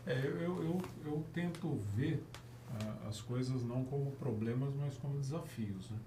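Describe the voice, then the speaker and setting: A man's voice: medium pitch, moderate pace, recorded from a distance, noisy background. Easygoing man, echoey and off-mic. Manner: easygoing, jokey, chimes in with short agreements. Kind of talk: casual podcast chat. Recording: echoey room, further from the mic.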